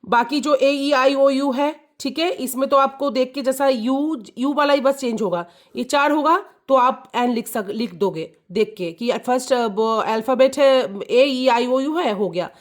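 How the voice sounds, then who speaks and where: Slow, patient woman teaching. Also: sits high. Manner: repeats key words, checks "clear?" and "ठीक है". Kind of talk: explaining an English lesson to children.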